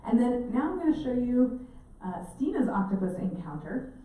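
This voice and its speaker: Lively woman storyteller in echoey room. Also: on the high side, normal speed. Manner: animated, acts out quotes with laughter. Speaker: presenter giving an octopus talk. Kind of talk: storytelling talk to a live audience. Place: indoor event space with audience. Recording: echoey room, mic from a distance, faint ambience.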